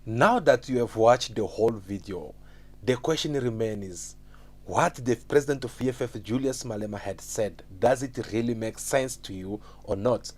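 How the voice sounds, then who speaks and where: A man's voice: medium pitch, normal speed. A man speaks straight to his viewers in a mid-range voice. He wraps up a clip and asks them what they think of it. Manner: questioning the audience. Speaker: video narrator. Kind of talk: direct-to-viewer commentary.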